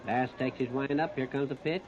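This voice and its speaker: An American man with a medium-pitched, fairly even voice calls a baseball game a little fast on 1930s radio. His phrases are short, plain, and folksy, and the disc recording is muffled and noisy.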